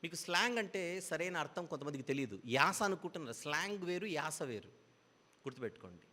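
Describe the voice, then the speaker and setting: A man's voice: fairly high pitch, expressive, fast, bright, forceful tone, big-room sound. A man preaching a Bible teaching sermon, explaining patiently with repeated parallel phrases.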